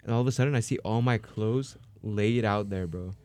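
A man's voice: on the low side, normal speed, a little mellow, no room sound. A young man co-hosting a podcast, telling stories casually in slangy, sweary bro talk. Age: young adult. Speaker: podcast co-host. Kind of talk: casual storytelling among friends.

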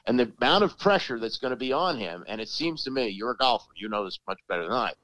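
A middle-aged man with a medium-pitched voice talks sports casually. His delivery is emphatic and halting, doubling back on words to press his opinion. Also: sing-song, a bit bright, no echo, rough recording. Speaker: sports talk commentator.

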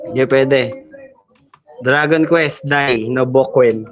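A man with a Filipino accent co-hosting a casual podcast game, brisk, joking and arguing points. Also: medium pitch, lo-fi sound. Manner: brisk, argues points, jokes. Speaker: podcast co-host.

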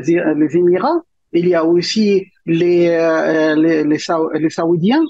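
A man's voice: high voice, a little mellow, husky, no room sound, lo-fi sound. A man as a guest analyst on a debate panel, talking hesitantly with many restarts but firm views.

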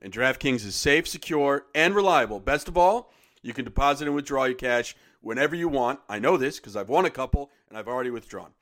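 A man, a podcast co-host, briskly reciting the legal disclaimer at the end of a sponsor ad read. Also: mid-range voice, expressive, a bit bright. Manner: brisk, formal recital of terms and conditions.

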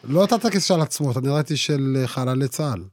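A young man co-hosting a podcast, telling animated stories in casual slang. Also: mid-range voice, no echo, clean studio sound. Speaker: podcast co-host. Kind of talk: casual chat.

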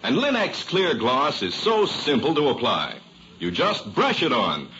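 High, bright, chipper old-time radio ad man. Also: muffled recording. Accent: American. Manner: chipper, polished sales pitch. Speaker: radio announcer. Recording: noisy, band-limited old radio recording.

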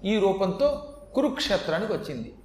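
High-voiced man telling scripture stories. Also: sing-song, brisk, a little mellow, slight background noise. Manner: chatty, with humorous asides. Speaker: religious storyteller. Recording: echoey hall with faint ambience.

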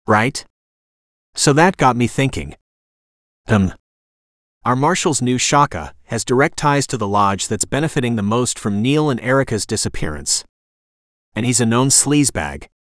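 A man's voice: medium pitch, animated, unhurried, pauses often, fairly bright tone, dry recording, studio quality. A male narrator playing a cocky young man who talks in casual slang and grandstands as a prosecutor in an audiobook. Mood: brash. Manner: casual slang, showy, whiny at times.

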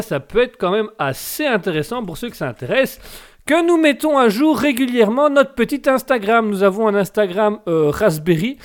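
A man with a fairly high voice hosts a live call-in radio show. He greets his listeners in a formal, announcer-like way and rambles through his sentences, often restarting them. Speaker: web radio host.

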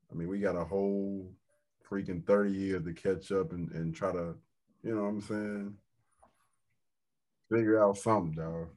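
A laid-back man in his thirties with a low voice hosts a podcast over a video call. He talks casually and easily and keeps dropping "man" and "dog" into his sentences. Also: darkish tone. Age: 30s. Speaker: podcast host. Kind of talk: casual chat.

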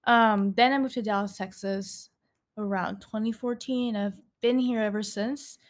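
A woman in her twenties from Central America hosts a casual podcast. She sounds chatty, half reading from a script and dropping frequent ums and laughs. Her voice sits at an ordinary middle pitch. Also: steady tone, unhurried. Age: 20s. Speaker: podcast host.

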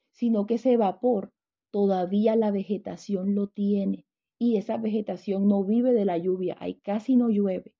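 A woman's voice: mid-range voice, creaky, husky, dull audio. A woman teaching a Bible lesson, telling stories and putting questions to her class.

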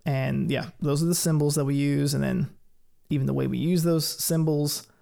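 Man, very gravelly voice, casual explanatory chat, relaxed, laughs lightly. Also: on the high side, normal speed.

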